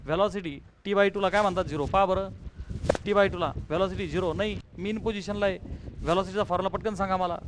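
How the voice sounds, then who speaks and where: A high-voiced man with a Marathi accent leads a physics class and drills his students with rapid questions. He keeps urging them to answer fast and calls them "beta." Faint traffic hums in the background. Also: steady tone. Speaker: physics teacher.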